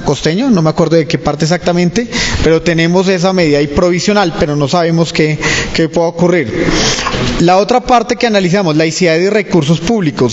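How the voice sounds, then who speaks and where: A Colombian man leading a workshop discussion, speaking in a measured way with frequent fillers. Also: fairly high pitch, a little mellow, a little hiss or hum. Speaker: workshop leader. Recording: dull audio in a reverberant hall.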